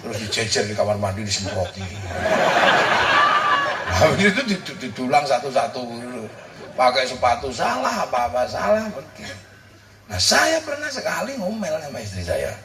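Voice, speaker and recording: A male preacher, telling funny stories about family life in a lively, animated way. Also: normal speed, crowd noise. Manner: animated storytelling, jumps high when joking. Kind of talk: humorous religious talk. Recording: echoey, from far off the mic.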